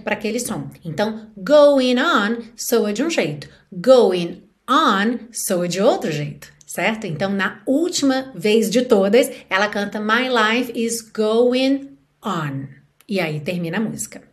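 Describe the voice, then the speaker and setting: A woman's voice: medium pitch, animated, a little fast, few pauses. Brazilian woman teaching English pronunciation. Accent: Brazilian Portuguese. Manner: explanatory, often checks in with "ok?" and "certo?". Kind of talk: language lesson explaining song lyrics.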